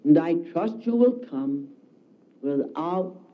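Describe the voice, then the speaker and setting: Slow, high-voiced solemn male preacher. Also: animated. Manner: slow, declamatory, with emphatic repetition. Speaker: spiritual speaker. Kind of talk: solemn devotional address. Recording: dull lo-fi recording.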